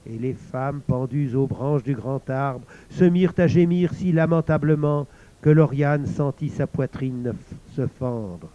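A man narrating a fairy tale in a slow, measured way. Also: mid-range voice, mellow, dry recording. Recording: slightly muffled recording.

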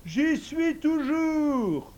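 A man voicing an invisible male servant spirit in a storybook, speaking high and excited with devotion. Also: extremely slow, muffled recording, heavily acted. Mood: eager.

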